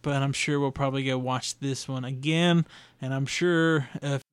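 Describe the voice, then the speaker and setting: A man's voice: mid-range voice, steady tone, normal speed, clear, resonant tone, no echo, studio quality. A young adult man hosting a podcast, talking casually and rambling through his thoughts. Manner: rambling, with fillers and restarts. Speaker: podcast host. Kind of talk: casual solo podcast review.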